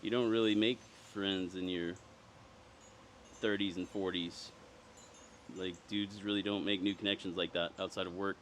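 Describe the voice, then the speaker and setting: A man's voice: sits low, steady tone, normal speed, pauses often, fairly bright tone, slight background noise. A man in his thirties, an amateur ballplayer, speaking sincerely and thoughtfully in an interview. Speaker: amateur baseball player. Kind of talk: reflective interview.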